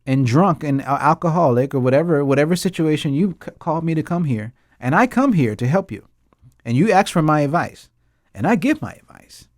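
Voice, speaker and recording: Guy ranting super animated, pitch all over, dry close mic, laughs a lot. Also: dry recording. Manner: animated, emphatic ranting with repetitions; laughs often. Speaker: host; English teacher. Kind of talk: casual commentary on a TV drama.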